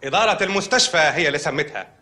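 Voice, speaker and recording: An actor playing a matter-of-fact hospital doctor in a comedy sketch, with an Egyptian accent, calmly delivering odd news. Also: male voice, a little high, rapid-fire. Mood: deadpan. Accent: Egyptian Arabic. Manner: calm, then suddenly shouting.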